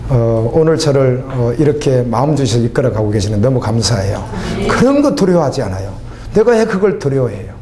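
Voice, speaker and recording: A man's voice: medium pitch, warm tone. Emphatic middle-aged male pastor preaching. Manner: emphatic preaching with rising exclamations and rhetorical questions. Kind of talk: sermon. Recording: faint background noise.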